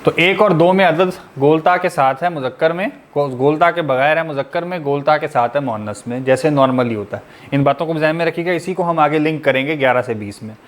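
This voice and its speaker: A man's voice: fairly high pitch, brisk, few pauses, slight background noise. A man teaching an online class, explaining step by step and quizzing his students with repeated questions. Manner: patient, methodical explaining.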